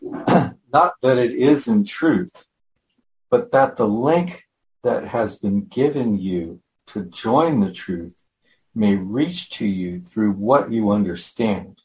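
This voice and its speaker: A man reading a passage aloud to a study group in a measured, even way. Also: on the low side, rough recording.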